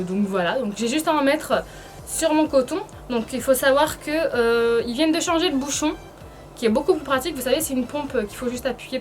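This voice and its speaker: A woman giving a casual, chatty beauty tutorial, hesitant and informal, her speech slightly impeded by painful braces. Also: on the high side. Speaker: beauty vlogger presenting a tutorial.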